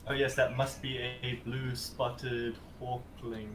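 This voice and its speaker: A man's voice: medium pitch, flat delivery, takes it slowly. Dry, teasing man in an echoey room. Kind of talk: casual chat among friends. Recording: roomy echo, faint noise.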